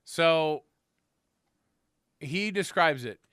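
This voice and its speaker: A man's voice: on the high side, lively intonation, extremely slow, fairly bright tone, clean tone, no echo, studio quality. A man co-hosting a casual comedy talk show, sarcastic and fond of acting out quoted lines. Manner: sarcastic, acts out quotes in exaggerated voices. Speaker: podcast co-host.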